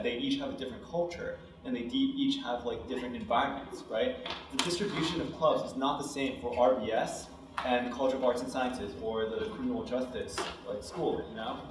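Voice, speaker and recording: A man arguing a point in a student meeting, quick with frequent tag questions. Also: medium pitch. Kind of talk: meeting discussion. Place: meeting room. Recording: echoey room from far off, noisy.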